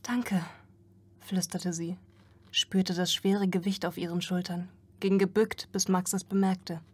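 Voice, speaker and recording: A woman's voice: on the low side, flat delivery, a little slow, husky. A woman narrating an audiobook in a tense, dramatic reading.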